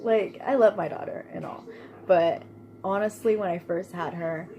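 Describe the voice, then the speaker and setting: A woman's voice: lowish voice, moderate pace, dull audio. A young woman vlogger telling a personal story in a casual, chatty way, laughing often and using lots of fillers.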